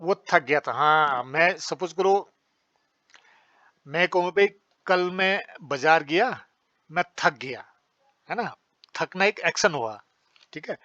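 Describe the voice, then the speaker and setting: A man's voice: fairly high pitch, animated, slow pace, pauses often, bright, forceful tone, no echo, muffled recording. A man teaching English in a patient, repetitive lesson, often checking that students understand. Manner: explains patiently, repeats phrases, checks understanding. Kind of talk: spoken English lesson in Hindi.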